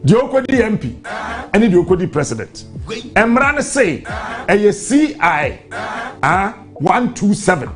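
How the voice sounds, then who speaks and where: A man with a Ghanaian accent, hosting a live radio show, reading out and explaining formal text in a deliberate way, repeating phrases for emphasis. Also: high-pitched, big pitch swings. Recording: music behind the voice. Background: music.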